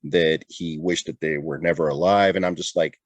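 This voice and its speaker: A middle-aged man speaks in a low, deep voice, telling his story candidly in a relaxed podcast chat. He often repeats and restarts phrases as he goes. The sound is dry and close to the mic. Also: normal speed, no room sound, dull audio. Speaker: interview guest, retired border patrol agent. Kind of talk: casual conversational interview.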